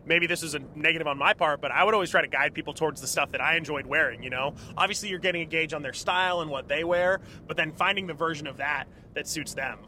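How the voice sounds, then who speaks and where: Guest voice: eager, rambling man, quick and slightly high, car noise behind. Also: bright, forceful tone. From California. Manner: enthusiastic, rambling, filler-heavy. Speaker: podcast guest. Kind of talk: casual conversation. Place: inside a car. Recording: road and traffic noise.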